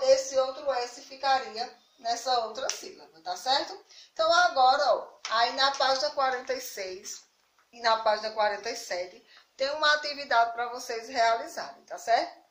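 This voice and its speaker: A woman teacher with a Brazilian Portuguese accent, explaining a spelling lesson to young children slowly and patiently, often checking if they follow. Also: sits high, a bit bright, far from the mic, slight background noise. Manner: slow, patient explaining with frequent "tá certo?" checks. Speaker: primary school teacher. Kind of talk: remote class lesson. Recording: roomy, from off the mic.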